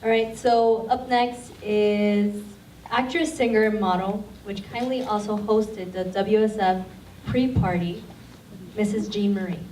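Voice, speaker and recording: A woman's voice: mid-range voice, fairly even intonation, unhurried, a little hiss or hum. A woman hosting an awards show, casual and chatty with fillers. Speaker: event host. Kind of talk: stage hosting. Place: event hall. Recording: distant echoey hall audio with loud music.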